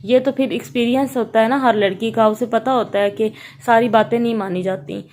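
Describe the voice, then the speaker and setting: Young woman, Pakistani Urdu accent, slightly high voice; earnest, repetitive vlog advice in a casual tone. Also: steady tone, darkish tone. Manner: earnest, repetitive advising with everyday English words mixed in. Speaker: vlogger giving family advice. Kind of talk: casual advice talk to camera.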